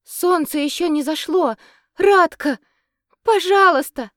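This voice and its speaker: A woman voicing an anxious young woman who pleads in a high voice near tears, read in a dry, close storybook style. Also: big pitch swings, a little slow, no room sound. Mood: desperate.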